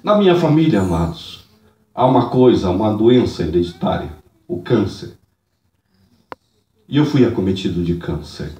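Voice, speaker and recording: A man preaching a fervent sermon and testimony in church, moving from hushed tones to shouts. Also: fairly low pitch, very animated, moderate pace, pauses often. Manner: fervent, swings from hushed to shouting, speaks in tongues. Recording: echoey church hall, distant mic.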